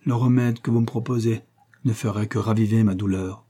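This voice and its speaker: A man's voice: on the low side, fairly even intonation, brisk, mellow, slightly rough. A man voicing a sorrowful, lovesick young heiress in an audiobook, speaking plaintively and sighing.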